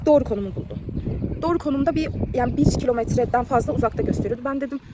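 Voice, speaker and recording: A woman vlogging about a trip, telling a mishap story in a lively way and acting out what people said. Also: sits high, very fast, background noise. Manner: animated, tells a mishap story with quoted dialogue. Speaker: travel vlogger. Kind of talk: casual travel vlog storytelling.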